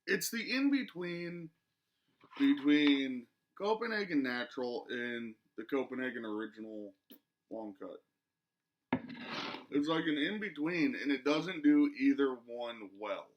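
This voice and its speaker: A man's voice: mid-range voice, animated, slow. Young man, mouth packed with dip. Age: 20s. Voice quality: speech slightly muffled by a lip packed with dip. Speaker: product reviewer. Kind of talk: casual chat review. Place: small living room, indoors.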